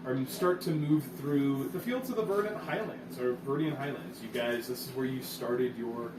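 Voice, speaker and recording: A man narrating a tabletop game as game master, in a relaxed way with frequent fillers. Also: medium pitch, moderate pace. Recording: echoey room from far off with noise.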